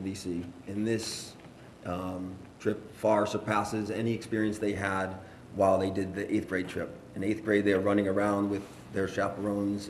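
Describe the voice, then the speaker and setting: A man's voice: lowish voice, slight background noise. A man, a teacher and parent, giving earnest, rambling remarks at a school board meeting. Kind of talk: informal public remarks. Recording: echoey meeting room, faint ambience.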